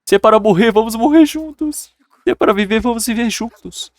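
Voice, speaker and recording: Male pastor doing a high, wheedling young woman, tearful and coaxing. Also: very animated, moderate pace, no echo, studio quality. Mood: pleading. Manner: wheedling, then crying and pleading.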